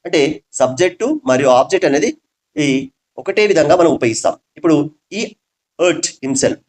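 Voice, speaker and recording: A man with a Telugu accent teaching English grammar. He reads each English example slowly, then asks the audience a question and answers it himself. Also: a little high, a little mellow. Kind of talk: classroom-style grammar lesson.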